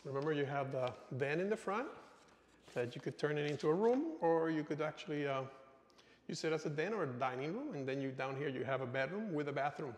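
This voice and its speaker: A man's slightly high, animated voice moves fairly quickly as he, a real estate agent, shows off an empty new house on a casual walk-through. He uses informal sales patter and often tags phrases with "okay," and the bare rooms produce echoey reverb.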